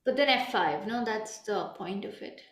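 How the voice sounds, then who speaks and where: A woman's voice: mid-range voice, normal speed, reverberant. A woman in her late twenties co-hosting a live chess stream, chatting casually and laughing often. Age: 20s. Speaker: chess commentator co-host. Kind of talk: casual chess commentary chat. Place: room at home.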